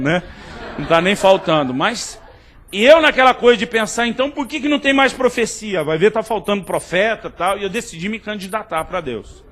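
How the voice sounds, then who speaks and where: A man's voice: sits high, a bit bright. A Brazilian man with a Brazilian Portuguese accent, preaching a humorous sermon full of stories and asides to his listeners. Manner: jokey, addresses listeners as "querido".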